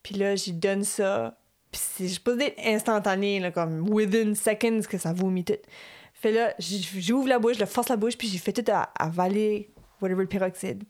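A young woman with a Quebec French accent telling a story in casual chat, animated and mixing English words into her French. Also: mid-range voice, normal speed.

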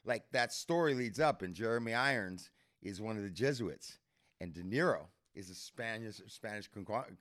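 A podcast co-host with a lowish, fairly bright voice and lively intonation tells a story at a moderate pace. He's enthusiastic and casual, repeating himself and tossing out "bro" and "dude" often.

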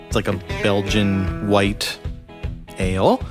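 A man's voice: fairly low pitch, fairly even intonation, takes it slowly, music in the background. A man co-hosting a casual podcast, easygoing and agreeable, laughing often. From Canada. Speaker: podcast co-host.

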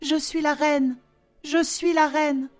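A woman voicing a loud, bossy, plump queen from a storybook, exclaiming and scolding in a shrill voice. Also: lively intonation, moderate pace, soft background music. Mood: proud.

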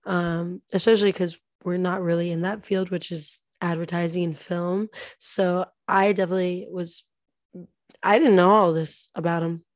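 A young woman co-hosting a podcast with a slightly raspy voice, chatting casually and effusively. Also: lowish voice, flat delivery, normal speed, no echo, clean studio sound. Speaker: podcast co-host. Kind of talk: casual chat.

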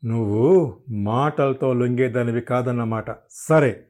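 A drunken, crude young husband in an audio story, voiced by a male narrator. His tone is mellow and fairly high, but the speech is slow, mocking and menacing. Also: natural voice. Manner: mocking and coarse, drawling with English endearments.

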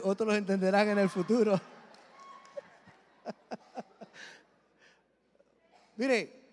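Middle-aged pastor guy, very high voice, preaching big with jokes, long hall echo. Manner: emphatic preaching mixed with joking asides. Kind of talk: sermon. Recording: long reverb of a large hall.

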